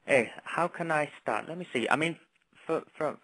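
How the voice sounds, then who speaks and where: A man's voice: fairly high pitch, moderate pace, a bit bright, dry recording, low-quality recording. A man with a Northern English accent from the northwest of England, giving an earnest webinar talk about his youth organization, often restarting and repeating words. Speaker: guest speaker from a youth NGO. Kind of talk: webinar presentation.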